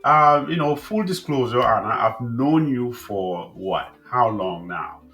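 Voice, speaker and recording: A man hosting a casual interview podcast, friendly and halting, with many restarts and fillers. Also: medium pitch, animated, fairly bright tone, soft background music. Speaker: podcast host.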